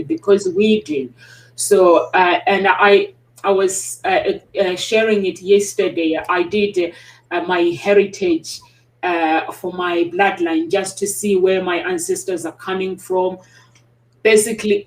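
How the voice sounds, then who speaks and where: A woman hosting a talk show, speaking in a halting, casual way with many pauses and restarts. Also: fairly low pitch. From South Africa. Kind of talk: casual conversation. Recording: roomy sound, distant mic.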